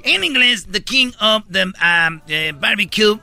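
Gravelly Mexican radio joker. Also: male voice, sits high, expressive, slow, pushed and bright, faint music behind. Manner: playful, slangy, cracks himself up. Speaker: radio comedy host. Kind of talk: joke-telling radio banter.

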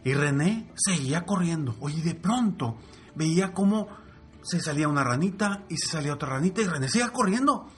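A man telling a motivational fable in a lively, repetitive way, going soft and low for the lesson. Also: brisk, soft background music. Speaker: motivational storyteller. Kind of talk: motivational storytelling.

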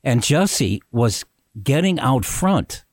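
A man's voice: medium pitch, very animated, slow, no echo. A male podcast host talks through events in a conversational, emphatic way. His voice is recorded dry and close, with no room sound. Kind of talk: podcast commentary.

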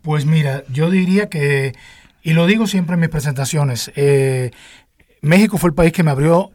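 A man's voice: fairly high pitch, moderate pace, a little mellow, no room sound. An older man from Cuba with a Cuban Spanish accent, a singer telling his life story in an interview, with many restarts and fillers. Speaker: guest singer.

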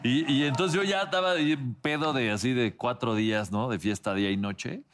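A man's voice: medium pitch, fairly quick, a bit bright. A man with a Mexican accent, a guest on a comedy show, telling a crude party story in swaggering, vulgar slang.

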